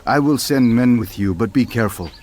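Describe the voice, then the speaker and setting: Man playing commanding General Bolivar, low-key noise behind. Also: fairly quick, a little mellow, lightly acted. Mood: earnest. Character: commanding South American revolutionary general, earnest and proud. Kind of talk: video game cutscene acting.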